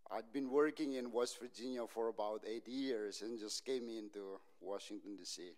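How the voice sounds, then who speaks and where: Missionary man, lowish voice, unhurried and pausing as he introduces himself. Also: a little mellow. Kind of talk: self-introduction at a meeting.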